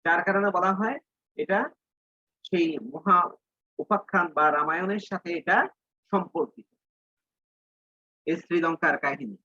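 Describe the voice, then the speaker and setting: Male teacher, patient and explanatory, bright tone over a dull lo-fi line. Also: sits high, no room sound. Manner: reads English slowly, then explains in Bengali. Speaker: English teacher. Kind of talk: online class lesson.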